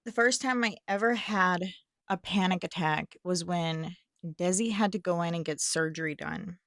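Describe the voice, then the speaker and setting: A woman's voice: on the low side, normal speed, fairly bright tone, no echo. Frank young woman, dry close sound. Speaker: co-host. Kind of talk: casual chat.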